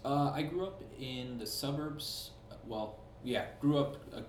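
A man in his thirties from Cleveland, co-owner of an ice cream shop, talking in a relaxed, halting way with many fillers in an interview. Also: medium pitch. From suburbs of Cleveland, US. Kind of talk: casual interview. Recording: echoey room, distant mic, noisy.

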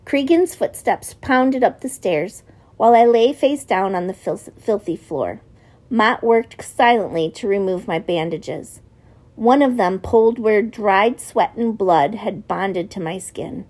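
A woman reads a novel aloud as an audiobook narrator. Her voice sits at a middling pitch, and she gives each character only a small shift in voice. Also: unhurried, a little mellow. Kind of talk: audiobook reading.

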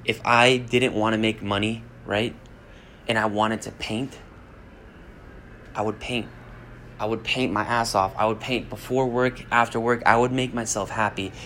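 Bright-voiced man giving blunt pep talk. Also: fairly low pitch, fairly even intonation, measured pace, slight background noise. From United States. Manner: blunt, swears freely, rambling. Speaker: podcast host. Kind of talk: casual motivational monologue.

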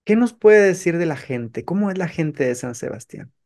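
Animated Mexican man telling a lesson story. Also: on the high side, moderate pace, gravelly. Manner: animated, acts out several voices. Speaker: meditation course teacher.

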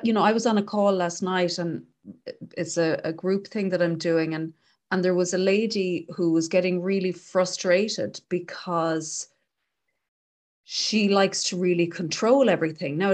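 Gentle, thoughtful woman. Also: lowish voice. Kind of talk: reflective conversation.

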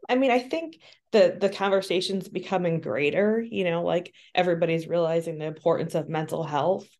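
A Colombian social worker with a low, darkish voice speaks frankly about hard subjects as an interview guest. She is earnest and candid, often pausing with "um" and restarting her sentences, and sounds like she's on a remote call.

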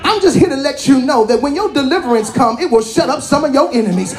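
High-voiced woman preaching a lively sermon. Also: fast, echoey room. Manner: lively, calls out and teases the congregation; swings between shouting and quiet asides.

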